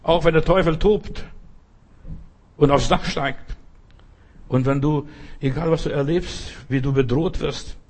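A middle-aged man from the former Soviet Union preaching a sermon, talking straight to the listener and bursting into dramatic shouted cries for help. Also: fairly high pitch, measured pace, pauses often. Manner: talks straight to the listener with repeated "verstehst du".

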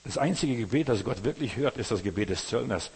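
A man's voice: mid-range voice, expressive, brisk. A man preaching a sermon in German, earnest and exhorting, speaking directly to his listeners. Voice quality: husky. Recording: reverberant hall.

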